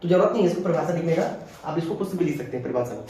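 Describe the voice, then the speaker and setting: A man teaching a class, repeating each point slowly so students can write it down. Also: a little high, lively intonation, dark tone. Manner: repeats and dictates slowly for note-taking. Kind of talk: classroom lecture dictating notes. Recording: very echoey room.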